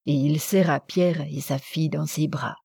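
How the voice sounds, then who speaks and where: A woman narrates a novel in an audiobook. Her voice is low-pitched, warm and mellow with a husky grain. The recording is close and dry. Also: fairly even intonation, normal speed, no room sound.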